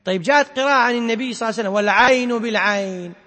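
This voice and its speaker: A man with a strikingly high voice gives a classroom lecture as a sheikh. He stops to quiz his students and draws out quoted verses slowly. His voice trails off in a long reverb, as if he is speaking in a large hall or mosque. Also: a bit bright. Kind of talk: classroom lecture explaining a poem on Quran sciences.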